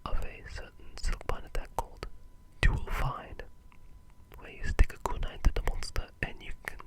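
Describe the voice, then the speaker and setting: A gamer with plenty of enthusiasm whispers, breathy and unvoiced, through a relaxed, meandering ASMR conversation about games. Delivery is at ordinary speed.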